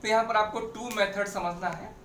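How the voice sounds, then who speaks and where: A man's voice: high-pitched, normal speed, a bit bright, a little hiss or hum. A man teaching a maths class step by step, repeating key points and mixing English phrases into his explanations. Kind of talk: blackboard maths lesson. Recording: echoey room, mic at a distance.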